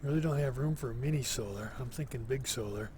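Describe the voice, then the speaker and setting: A man giving relaxed solo commentary as he plays, slow and musing, thinking aloud to himself. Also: medium pitch, slight background noise. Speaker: gameplay commentator.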